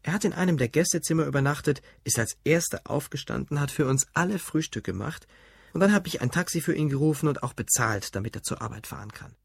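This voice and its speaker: A man voicing a calm, sarcastic young wife and mother, matter-of-fact and cutting, in an audiobook reading. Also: fairly high pitch, fast, vocal fry, husky, dry recording, studio quality, voice pushed up, exaggerated voice.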